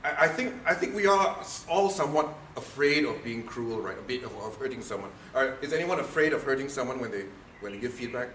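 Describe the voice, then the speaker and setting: A man's voice: medium pitch, expressive, a little fast, hardly any pauses, a bit bright. A man giving a speaking workshop, emphatic and questioning the audience. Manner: emphatic, asks the room questions. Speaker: speaking trainer. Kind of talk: workshop lecture. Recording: echoey room, faint noise.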